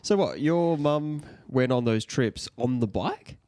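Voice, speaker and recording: A man co-hosts a casual podcast, mostly reacting with short comments and questions. His pitch moves around a lot as he talks. The recording is dry and close, with no room echo. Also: lively intonation, takes it slowly, a little mellow. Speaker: podcast co-host.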